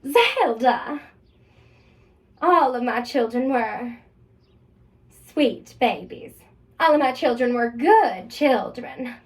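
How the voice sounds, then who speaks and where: A prim, genteel older Southern mother, as an actress puts her on, stern and scolding, drawing out her words slowly. She keeps a fairly high voice on a theatre stage. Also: expressive, recorded from a distance. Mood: doting.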